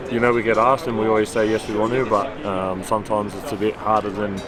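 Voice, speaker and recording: A man giving a casual athlete's interview in a measured, modest way. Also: fairly low pitch, little pitch movement. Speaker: rugby league player being interviewed. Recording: loud crowd at outdoor event.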